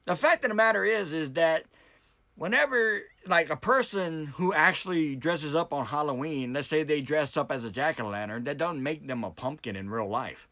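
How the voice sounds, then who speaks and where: A man's voice: fairly high pitch, normal speed, bright, forceful tone, no room sound. An American man giving an opinionated, unscripted monologue to viewers, blunt and emphatic, repeating points and asking rhetorical questions. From United States. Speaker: political commentary vlogger who hosts debates.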